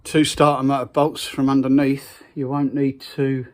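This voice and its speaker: A man's voice: mid-range voice, little pitch movement, normal speed, a little mellow. Chatty man fixing a van. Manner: chatty, plain-spoken, many fillers and restarts. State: out of breath. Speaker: van mechanic showing a repair. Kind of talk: casual how-to talk.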